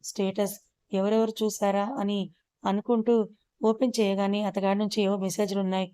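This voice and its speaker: Woman narrator for an audio story: steady, level delivery, soft warm tone, smooth and clean, dry close sound. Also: mid-range voice, a little fast, dry recording.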